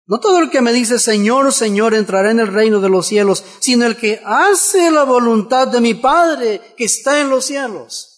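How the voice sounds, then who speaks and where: A man delivers a church sermon in a remarkably high voice. He drives each point through repeated phrases and rhetorical questions, reading scripture aloud along the way. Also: expressive, normal speed. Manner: emphatic repetition and rhetorical questions. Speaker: preacher.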